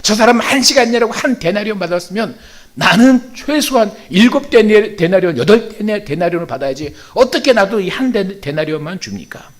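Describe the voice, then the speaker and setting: A man voicing an indignant day laborer loudly protesting that his pay is unfair. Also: animated, a little fast. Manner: loud, protesting, raised pitch.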